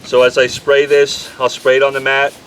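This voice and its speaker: A man with a New York accent talks quickly and candidly as he tests a degreaser for his viewers. He is outdoors, and a faint breeze and outdoor hum sit under the camera-mic sound. His voice is mid-pitched and casual. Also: completely flat delivery, a bit bright. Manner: talks fast, chatty and candid. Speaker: auto detailer reviewing products. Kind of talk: casual product review vlog. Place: outdoors on a windy day. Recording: faint wind and outdoor noise. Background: outdoor ambience and breeze.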